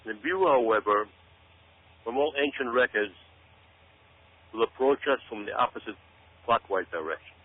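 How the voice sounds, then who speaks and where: A radio guest from Israel, an author and researcher, speaks in a husky, expressive voice of medium pitch at normal speed, pausing often. His commentary is emphatic and explanatory, with phrases frequently repeated for stress. The recording has a tinny, phone-like radio quality.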